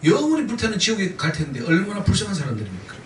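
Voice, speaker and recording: A man's voice: high voice, huge pitch swings, very fast, a bit bright, a little hiss or hum. A male pastor preaching a sermon with emphatic repetition, leading the congregation in call-and-response. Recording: echoey church sound from a distant mic.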